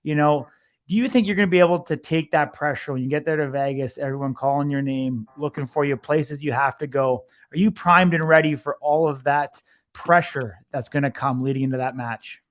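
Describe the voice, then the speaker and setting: Male sports interviewer, slightly high voice, conversational, wordy and rambling with his questions. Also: a little fast.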